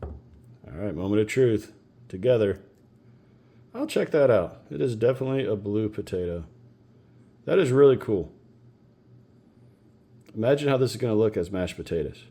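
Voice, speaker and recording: A man's voice: fairly low pitch, expressive, moderate pace, long pauses, mellow, breathy edge. Chatty man gardening outdoors. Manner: chatty and practical, addressing viewers as y'all. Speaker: home gardening channel host. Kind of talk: casual gardening vlog. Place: outdoors in a backyard garden, then indoors.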